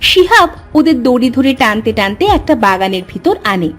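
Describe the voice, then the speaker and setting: A woman narrating a cartoon storybook in an even, scripted way. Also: fairly high pitch, moderate pace, soft background music.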